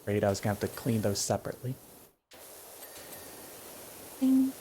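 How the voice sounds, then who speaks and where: A man's voice: fairly low pitch, little pitch movement, racing, darkish tone, slight background noise. A man streaming a game, chatting casually and wryly while he plays. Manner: laid-back, wry, thinks aloud while playing. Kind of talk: casual gameplay chat.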